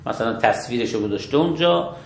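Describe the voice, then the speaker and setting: A man, a religious law scholar, explaining rulings step by step in an interview, measured and methodical. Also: medium pitch, lively intonation, vocal fry, roomy sound. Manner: measured, methodical, affirms with short approvals.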